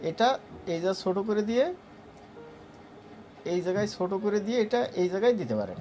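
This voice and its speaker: A man's voice: sits high, big pitch swings, moderate pace, warm tone, faint music behind. A man with a Bangladeshi Bengali accent teaching an animation class live, casual and chatty, talking students through each click. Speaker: animation course instructor. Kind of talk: live online class demonstration.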